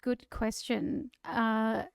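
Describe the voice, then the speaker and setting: This Australian woman in her forties, from Queensland, co-hosts a casual podcast and tells her own story in a chatty, self-deprecating way. Her voice is fairly high with a flat delivery, extremely slow pacing and vocal fry. The sound is smooth and clean, studio quality with no echo.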